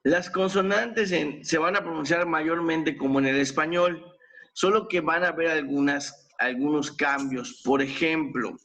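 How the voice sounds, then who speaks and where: A man's voice: on the high side, fairly even intonation, unhurried, pushed and bright, echoey room. A man teaching a class, patiently spelling out sounds one at a time and quizzing his students. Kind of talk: explaining pronunciation to a class.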